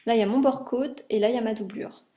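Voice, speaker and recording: In a casual chat, a young woman from France who vlogs about sewing shows off clothes she made, using many fillers. Her mellow voice sits on the high side, and she talks quickly.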